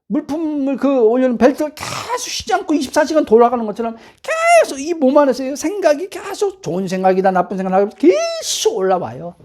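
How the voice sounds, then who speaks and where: A woman pastor preaches with a fairly high voice whose pitch swings widely from phrase to phrase. She keeps throwing rhetorical questions at her listeners and calling out to them. Now and then she pushes her voice up to a near-shout to drive a point home. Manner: bursts into near-shouts for emphasis. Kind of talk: sermon.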